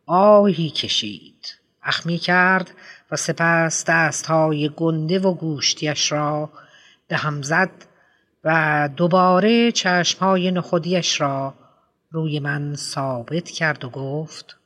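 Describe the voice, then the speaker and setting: A man narrating a literary audiobook in the first person, in a measured, subdued way. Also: a little high, pushed and bright.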